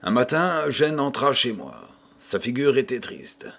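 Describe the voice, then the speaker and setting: A male audiobook reader narrating a classic tale. His voice sits at a middle pitch, and he keeps a steady storytelling pace. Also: a little slow, gravelly.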